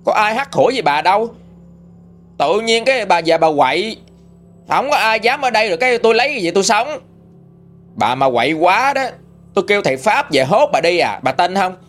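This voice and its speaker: A furious middle-aged landlady, put on by a male storyteller, her voice pushed up high and shrill. She fires off scolding complaints in quick bursts, hands on hips in spirit. It sits inside a spoken ghost story. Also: a bit bright.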